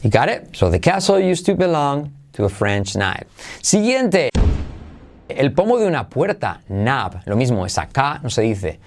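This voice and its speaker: Man, pronunciation teacher, slow deliberate delivery, modeling phrases to repeat. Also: medium pitch, sing-song. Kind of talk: bilingual pronunciation lesson.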